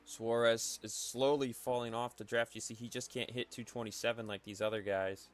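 A man giving calm, analytical play-by-play commentary for a simulated stock car race, with faint noise behind him. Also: medium pitch, moderate pace, soft background music. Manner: calm, analytical play-by-play that rises sharply at wrecks. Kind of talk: solo sim racing commentary.

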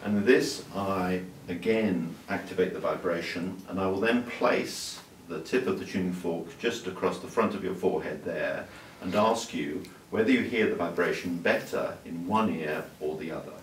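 Speaking at normal speed, an older male doctor with a deep voice calmly explains an exam he's demonstrating, patient but given to small restarts. Recorded for clinical teaching in a clinic examination room on a far camera mic, the audio is roomy and distant, with faint room hiss.

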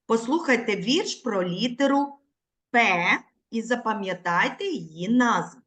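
A woman teaching young children over a video call, with a bright, lively voice that swoops up and down as she coaxes answers. She talks at an unhurried pace and stretches words into clear, separate syllables, like a patient teacher leading a small class through a literacy lesson. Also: a little high. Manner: slow, clearly articulated, patient teacher's prompting. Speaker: primary school teacher.

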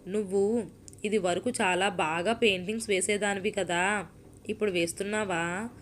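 A woman voicing a patient, puzzled woman friend who keeps asking gentle questions, in a storybook reading. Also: mid-range voice, steady tone, normal speed, a little hiss or hum, close to an everyday voice. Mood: exasperated.

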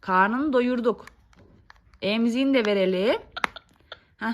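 A woman, a mother, chatting with her small children in a casual family vlog, coaxing and gently scolding them. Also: fairly high pitch, unhurried, slight background noise. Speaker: mother filming her kids.

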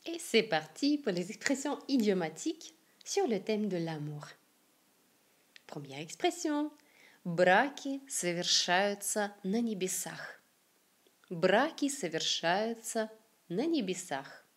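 Russian-accented woman teacher, low-ish breathy voice, very slow and lively in pitch, repeats each phrase. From Siberia, Russia. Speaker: language teacher. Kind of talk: slow, careful language lesson with repeated example phrases.

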